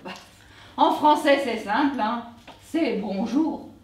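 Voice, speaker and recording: Heard at a distance in a room with echo, a high-voiced woman from France's Vosges region performs a comic sketch monologue. Her manner is blunt, mocking and folksy, and she is animated while speaking a little slowly.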